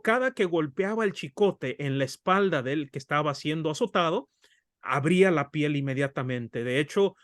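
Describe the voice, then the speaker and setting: A middle-aged Mexican preacher with a Mexican Spanish accent gives a Bible study sermon, earnest and conversational, calling his listeners brothers. His voice is a little high and a bit bright, captured in clean studio sound with no room tone.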